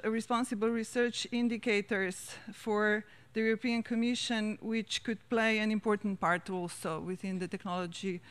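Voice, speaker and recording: A woman introduces herself formally to a panel in a steady, earnest manner. Her voice is smooth and clear, with the occasional slip of the tongue. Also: on the high side. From Slovenia. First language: Slovenian. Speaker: panel member.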